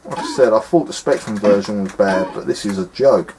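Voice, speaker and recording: A man's voice: on the low side, brisk, heavy background noise. A man giving casual gameplay commentary as a retro game reviewer, exasperated and scornful, rambling with fillers.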